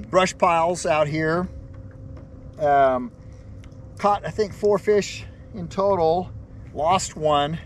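Slow-talking man fishing from a boat. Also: a little high, a little hiss or hum. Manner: talks to viewers while casting, upbeat and chatty. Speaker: fishing vlogger. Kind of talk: casual fishing vlog commentary. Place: open bass boat on a lake, outdoors.

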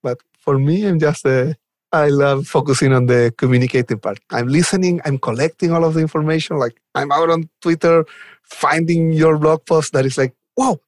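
A Chilean man with a Chilean Spanish accent chats casually as a podcast guest, a software developer advocate who is enthusiastic and chuckles as he talks. His voice is fairly high, recorded dry with clean studio sound.

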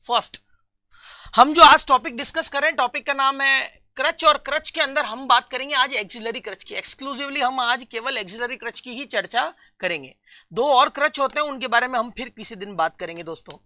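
A man teaching a live online class for nursing exam students. He reads out viewers' answers, calls them friends and repeats key terms slowly. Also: very high-pitched, sharp tone, no room sound, studio quality.

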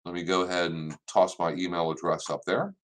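An older man with a slightly low voice talks through gardening questions on a live stream. His delivery is relaxed and conversational, plain practical advice with the occasional um. He speaks into a desk webcam in his office. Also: a little fast. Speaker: extension horticulture host. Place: office with framed certificates on the wall.

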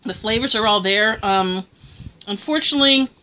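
A woman's voice: mid-range voice, moderate pace, sharp tone. A woman chatting casually through a food review, exclaiming as she tastes.

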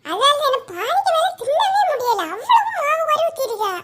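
A woman voicing a timid, whiny young boy in a cartoon, with a Kanyakumari Tamil accent and a squeaky, tearful voice. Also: big pitch swings, normal speed, fairly bright tone, full character voice. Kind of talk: cartoon voice acting.

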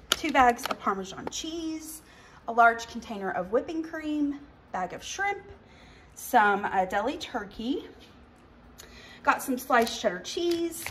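A young woman's fairly bright, high-leaning voice comes through a rough recording with slight background noise. She's hosting her cooking channel from her home kitchen, casually rambling through a grocery haul with fillers and asides.

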